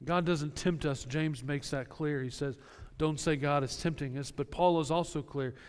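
A male pastor delivers an earnest sermon in a smooth, resonant, slightly high voice. He explains scripture with homely everyday examples, and his words ring out with the long reverb of a church sanctuary. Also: fairly even intonation, moderate pace.

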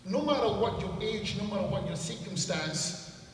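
A man in his forties from Cameroon with a Cameroonian accent, giving an earnest, measured inspirational talk into a handheld mic at an event. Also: high-pitched, animated, far from the mic, slight background noise. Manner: earnest, measured, repeats for emphasis. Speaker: motivational speaker. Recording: echoey hall, heard from afar.

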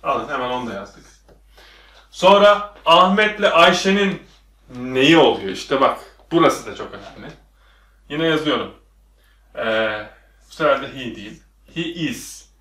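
In an echoey classroom, heard from a distance, a male English teacher works at a whiteboard and quizzes viewers with repeated questions. His medium-pitched voice is fairly bright, with lively intonation and normal speed.

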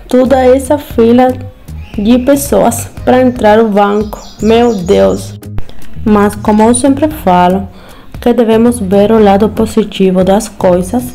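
A young woman from Cuba chats casually to a phone camera indoors in a small room at home. Her mid-range voice is warm, and her Portuguese is careful and learner-like, carrying a Spanish accent.

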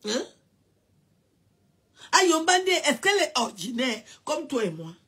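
A woman in a casual mocking rant, mixing teasing questions with drawn-out mock wailing. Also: high-pitched, big pitch swings, a bit bright. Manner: mocking, with drawn-out mock wailing and repeated sing-song cries. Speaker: commentator.

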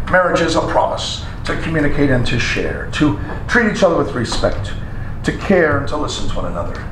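A man's voice: a little high, background noise. A middle-aged man leading a joking wedding ceremony, playful and teasing, calling out vows for the couple to repeat. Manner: playful, teasing, breaks into song. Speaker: wedding officiant in an Elvis costume. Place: small wedding chapel. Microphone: handheld mic, far camera. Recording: echoey chapel from far off with guitar.

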